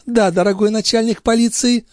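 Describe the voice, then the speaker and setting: A man voicing a haughty, imperious noble countess in a high, airy falsetto, breezy and mocking in an audiobook. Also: steady tone, brisk, dry recording, studio quality, lightly acted. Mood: coaxing. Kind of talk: audiobook character voice.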